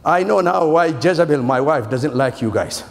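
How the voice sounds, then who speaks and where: A man voicing an old king, puzzled and mocking, with a low, slow, wondering delivery. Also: expressive, creaky, background noise. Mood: bemused. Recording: echoey church hall with a faint congregation.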